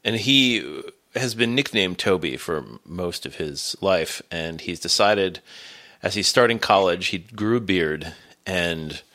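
A middle-aged man with a gravelly, congested voice from a cold, chatting casually and hesitantly as a podcast host. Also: low-pitched, lively intonation, takes it slowly, bright, forceful tone. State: has a cold.

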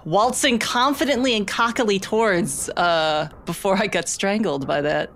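A woman's voice: mid-range voice, normal speed, fairly bright tone, a little hiss or hum. A woman playing a tabletop game casually, joking and self-mocking. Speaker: player.

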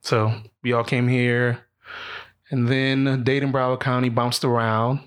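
A man in his late thirties from the Bahamas appears as a podcast guest in a casual storytelling interview, animatedly telling funny personal stories and laughing often. His mid-range voice is clear and resonant, and he takes his time.

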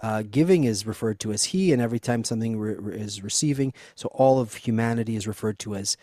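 A man's voice: lowish voice, fast talker, warm tone, dry recording. A man hosting an interview, guiding the talk and asking probing, eager questions. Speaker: host.

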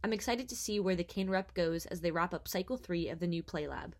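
A young woman hosts an interview podcast, reading a scripted intro before moving on to friendly, conversational questions. Her voice is lowish and brisk.

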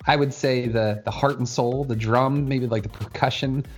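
A man hosts a casual podcast with an informal, joking way of talking. His pitch is average, and music plays faintly behind him. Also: steady tone, normal speed. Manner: jokey, informal. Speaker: podcast host. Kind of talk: casual chat.

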